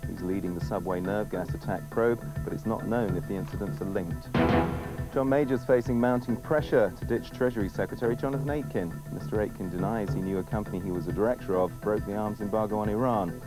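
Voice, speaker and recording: Lowish-voiced male newsreader over loud music. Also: fairly quick. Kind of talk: scripted news and weather bulletin. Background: loud music with percussion.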